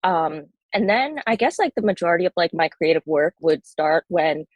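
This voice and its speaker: A woman's voice: on the low side, lively intonation, moderate pace, no room sound. Woman in her 30s on a call, lots of um and like, matter-of-fact, dry sound. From Bangladesh, raised in New Jersey. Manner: hesitant, many ums and likes, matter-of-fact. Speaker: guest poet. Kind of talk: casual interview.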